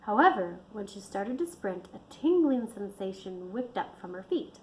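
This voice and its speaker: A woman reading her own book aloud in a steady storytelling manner. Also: mid-range voice, moderate pace, rough recording. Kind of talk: audiobook narration.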